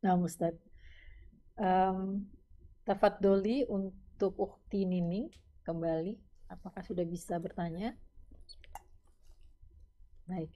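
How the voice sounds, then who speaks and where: A woman's voice: mid-range voice, fairly even intonation, slow, long pauses, highs cut off. A woman moderating a religious Q&A, politely reading out listeners' questions with small hesitations.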